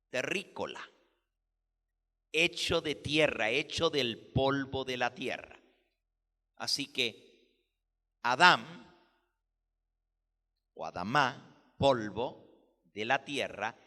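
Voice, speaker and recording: A man preaching a sermon as pastor, teaching slowly and deliberately, explaining words with care. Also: medium pitch, sharp tone, big-room sound. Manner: slow, deliberate teaching with careful word explanations.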